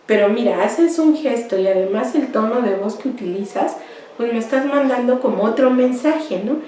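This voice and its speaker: A woman's voice: fairly high pitch, lively intonation, warm tone. A woman giving a university lecture, explaining step by step and often tagging her points with rhetorical questions. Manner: slow, explanatory, asks rhetorical "¿verdad?" often; clears throat now and then. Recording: echoey room, voice far from mic.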